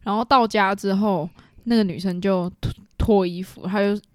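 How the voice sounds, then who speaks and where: A woman's voice: medium pitch, fairly even intonation, normal speed, darkish tone, no room sound, studio quality. A woman co-hosting a casual podcast, telling a story and acting out the quoted lines, laughing often. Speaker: podcast co-host.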